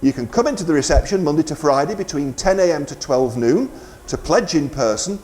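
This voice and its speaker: On live community radio, a man makes a fundraising announcement in a casual, hesitant, bantering way. His voice is fairly high and darkish, expressive, and a little fast.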